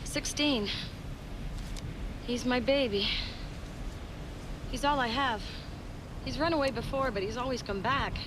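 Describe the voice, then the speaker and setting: A woman's voice: fairly high pitch, measured pace, pauses often, background noise, natural voice. An actress playing an anxious, middle-aged single mother, emotional and fretful. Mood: fearful, sad. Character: anxious, pleading single mother searching for her son.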